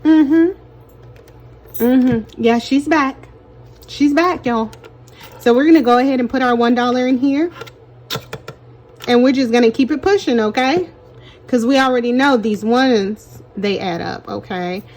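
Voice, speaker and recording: A woman's voice: on the high side, moderate pace, a little mellow. A young woman chatting casually to her viewers as she stuffs cash envelopes, a little short of breath from pregnancy and often calling out to "you guys". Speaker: budgeting vlogger.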